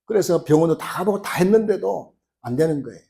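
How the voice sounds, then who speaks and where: A man's voice: fairly high pitch, animated, fairly quick, gravelly, mellow. A man preaching a sermon as pastor, telling a story with frequent "uh" fillers and building force. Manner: storytelling, acting out quoted cries with rising force. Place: church sanctuary.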